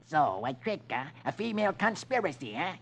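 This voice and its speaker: Man doing Donald Duck, animated and indignant. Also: a little high, fairly quick, creaky, exaggerated voice. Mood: indignant, scheming. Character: indignant scheming male cartoon duck. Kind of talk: 1950s radio comic-strip reading. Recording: old radio recording with music.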